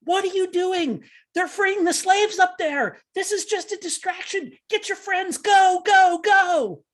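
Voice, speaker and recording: A man's voice: very high-pitched, animated, moderate pace, pitched above the performer's own voice, heavily acted. A man doing a frantic scheming adventurer. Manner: frantic, shouting. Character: scheming adventurer faking panic.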